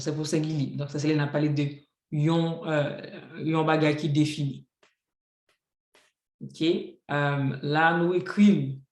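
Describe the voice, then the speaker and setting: A teacher works through a grammar lesson at a patient, even pace. Each rule gets an example, and "ok, donc" keeps coming back between points. The voice carries a roomy classroom echo at a middle pitch. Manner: patient, spells out rules with examples, frequent "ok, donc" fillers. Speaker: Haitian Creole teacher.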